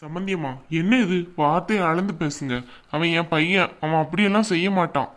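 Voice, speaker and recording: A woman's voice: fairly low pitch, brisk, close to an everyday voice. A woman voicing an older male father-in-law in a cartoon, firm and fatherly. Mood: stern. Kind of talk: cartoon voice acting.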